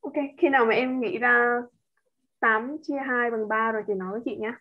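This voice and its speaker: A woman's voice: on the high side, fairly even intonation, moderate pace. A woman chatting playfully in a study group and posing riddles to the others. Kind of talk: casual teasing chat. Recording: dull lo-fi call audio.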